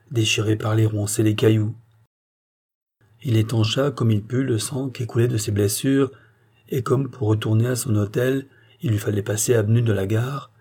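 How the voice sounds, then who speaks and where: A man narrating an old detective novel as a steady audiobook reading, lifting his voice for the characters' quoted lines. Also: fairly low pitch, husky.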